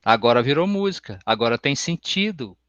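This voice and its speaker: A man giving an open music class, explaining slowly and breaking into sung solfège syllables. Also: medium pitch, big pitch swings, a bit bright, no echo. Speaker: music teacher. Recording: dull, lo-fi sound.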